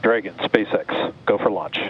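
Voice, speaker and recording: A man's voice: lowish voice, unhurried. A man giving terse flight callouts as a launch controller over a crackly space radio link. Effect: crackly space radio transmission. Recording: muffled radio link with loud static.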